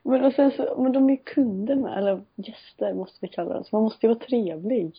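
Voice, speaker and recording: A woman's voice: on the high side, slightly rough. A young woman chatting casually on a podcast, blunt and wry in her remarks. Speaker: podcast co-host. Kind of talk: casual chat. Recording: dull lo-fi old recording.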